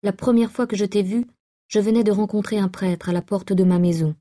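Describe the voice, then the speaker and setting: A woman's voice: medium pitch, fairly even intonation, fairly quick, warm tone, close to an everyday voice. A woman reading aloud and voicing a defiant, sulky, fatalistic young woman.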